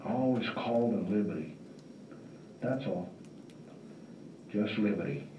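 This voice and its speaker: Actor as weary noir gumshoe narrator, slow wry drawl, roomy distant lo-fi sound with faint music. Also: male voice, lowish voice, a little hiss or hum, close to an everyday voice. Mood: world-weary. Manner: drawling, slow, wry tough-guy delivery. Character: world-weary hardboiled male detective narrator. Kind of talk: film-noir voice-over narration.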